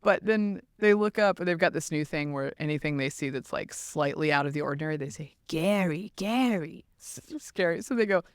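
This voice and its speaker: Casting note: woman podcast host from the South, chatty and animated, smooth resonant voice, dry close sound. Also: sits low, fairly quick, hardly any pauses, no echo. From American South. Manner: chatty, animated storytelling with put-on quotes. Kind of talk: casual chat, taste-testing drinks.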